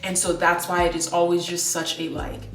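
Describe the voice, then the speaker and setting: A woman's voice: on the low side, monotone, normal speed, distant mic. Woman, late twenties, casual vlog rambling, lots of fillers, echoey room, faint background music. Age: 20s. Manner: rambling, many "like" fillers and restarts. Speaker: vlogger.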